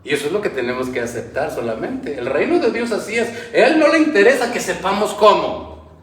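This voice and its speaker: A male pastor preaches a sermon in a church hall, his impassioned delivery rising and falling. His voice is high, sing-song, brisk, and a bit bright, and the distant, roomy church recording carries a little hiss or hum.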